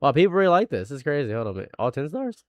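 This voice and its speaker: A man's voice: on the high side, big pitch swings, rapid-fire, no room sound. A man in his late twenties, a live streamer chatting casually, rambling and repeating himself, laughing often. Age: late 20s.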